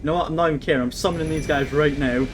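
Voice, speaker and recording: A man's voice: on the high side, steady tone, rapid-fire, faint music behind. Wry man commentating a game. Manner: wry, swears at the game, thinks aloud. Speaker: gameplay commentator. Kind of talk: casual let's-play commentary. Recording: faint background noise.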